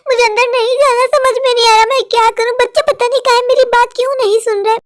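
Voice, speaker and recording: A woman's voice: extremely high pitch, fairly even intonation, fast. Fretful cartoon mother. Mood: fearful. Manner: fretful, talking to herself. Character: worried young mother alone in a haunted house.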